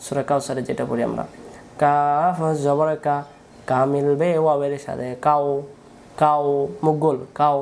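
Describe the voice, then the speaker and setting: A man's voice: on the high side, little pitch movement, measured pace, gravelly, darkish tone, slight background noise. A man teaching Quran reading in a patient, repetitive syllable-by-syllable spelling drill. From Bangladesh.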